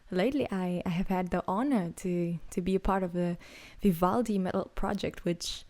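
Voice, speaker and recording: A young Greek woman, a singer-songwriter, answers interview questions unhurriedly, with many fillers and restarts. Her voice sits on the low side with a dark tone.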